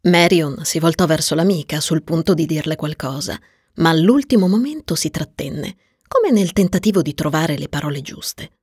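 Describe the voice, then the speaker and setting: Expressive woman reading an audiobook. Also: low voice, husky, no echo, studio quality. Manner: expressive, measured storytelling. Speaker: narrator. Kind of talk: audiobook narration.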